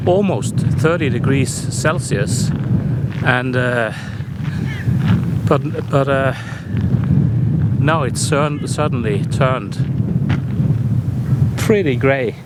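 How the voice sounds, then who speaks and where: A man vlogging outdoors on an on-camera microphone with wind hitting it, speaking unscripted in a hesitant, halting way. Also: mid-range voice. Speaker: vlogger testing camera gear. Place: outdoors near the ocean. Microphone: on-camera shotgun microphone. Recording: strong wind on the mic, outdoors.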